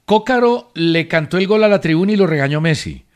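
A man's voice: a little high, lively intonation, fairly quick. A man hosting a sports radio show, chatting casually and pressing his co-host with pointed questions. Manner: insistent, quizzing his co-host.

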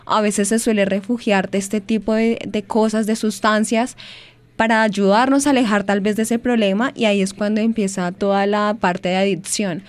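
Measured woman interviewer. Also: mid-range voice, steady tone. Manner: measured, long thoughtful questions. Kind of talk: interview questions.

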